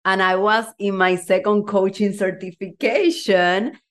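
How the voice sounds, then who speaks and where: In a casual podcast interview, a woman with a medium-pitched voice speaks steadily and without hurry. She is emotional and effusive, leans heavily on "like," and shares the story of her own coaching.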